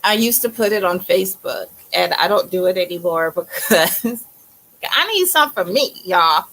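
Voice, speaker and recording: A woman's voice: lowish voice, lively intonation, moderate pace, a bit bright, poor audio. A woman joining a livestream over a video call, chatting casually about her cooking.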